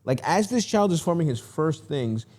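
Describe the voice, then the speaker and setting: A man's voice: on the high side, normal speed. Profane, laughing male podcast host. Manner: laughing, profane, animated riffing. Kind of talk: casual podcast chat.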